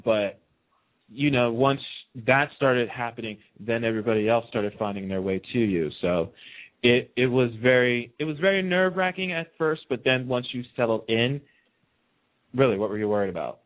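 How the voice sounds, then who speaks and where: A man with a mid-range, expressive voice speaks at a normal pace over narrow, tinny audio. He's a radio host being interviewed, chatting casually as a guest, telling stories and repeating phrases for emphasis.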